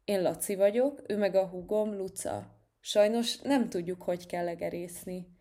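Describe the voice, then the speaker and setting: A woman's voice: medium pitch, dark tone, close to an everyday voice. A woman doing a cheerful plump boy cat. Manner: cheerful, a bit boastful. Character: plump good-natured boy cat, big brother.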